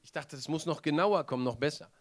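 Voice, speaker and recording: A man preaching in German, conversational and lively, often turning to the audience with questions. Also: a little high, fast talker. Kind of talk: sermon.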